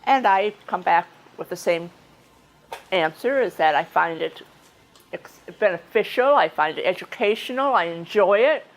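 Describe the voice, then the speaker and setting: A woman's voice: on the low side, animated, normal speed, poor audio. A woman giving an informal, chatty speech at a club meeting, talking conversationally with frequent restarts and asides. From United States.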